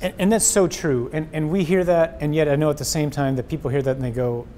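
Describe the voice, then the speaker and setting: Earnest priest with a mellow, warm voice. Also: male voice, on the high side, fast talker, slight background noise. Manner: earnest, animated, repeats words as he thinks. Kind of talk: conversational faith discussion. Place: indoors before a wall of memorial crosses.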